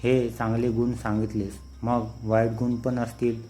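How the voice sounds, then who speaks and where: A man voicing a proud, sensitive young woman who teaches dance, reading her lines slowly and evenly in his own dark, low-key voice. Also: monotone, faint music behind, lightly acted. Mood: teasing.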